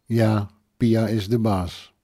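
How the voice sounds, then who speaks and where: A man's voice: lowish voice, flat delivery, mellow, no room sound. A man voicing a tipsy, grieving woman of thirty-one who slurs, drags her words and gropes for them. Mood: tipsy, wistful. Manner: slurred, drawn-out, searching for words. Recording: dry close studio sound.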